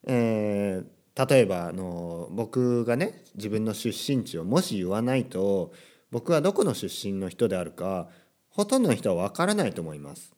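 A man's voice: on the low side, very animated, moderate pace, a little mellow. A man from Kyushu with a standard accent, hosting a casual solo podcast for language learners and chatting with frequent asides and questions to the listener. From Kyushu, Japan. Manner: chatty, self-deprecating, frequent filler asides and rhetorical questions. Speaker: podcast host.

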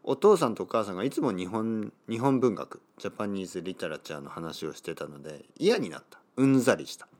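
A middle-aged man from Kyushu, a Japanese language teacher, reads a text slowly for learners and restates each part in easier words, stopping to puzzle over hard names. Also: lowish voice, sing-song, a little mellow. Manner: reads text aloud slowly, then rephrases it in simpler words; stops and wonders aloud how to read place names. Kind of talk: explaining a reading for Japanese learners.

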